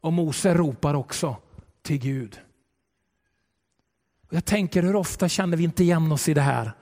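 Male preacher with a high voice, delivering a dramatic sermon in a reverberant church hall. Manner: dramatic, swings between loud and hushed. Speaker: pastor. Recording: long reverb of a large hall.

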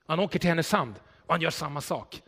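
A male pastor delivers a sermon with lively storytelling energy. His voice sits fairly high, rising loud on key points and sinking to a hush when he prays. Long reverb trails off the walls of the church hall. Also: creaky, slightly rough. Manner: animated storytelling preacher, swells loud for emphasis then drops quiet.

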